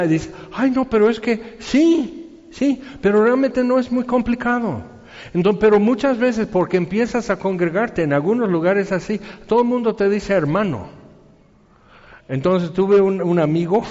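A man preaching a sermon in a conversational, animated way, acting out quoted voices. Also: high-pitched, in a large hall, dull audio.

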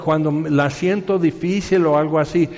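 A man preaching a sermon in a conversational, animated way, acting out quoted voices. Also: fairly high pitch, normal speed, in a large hall, dull audio.

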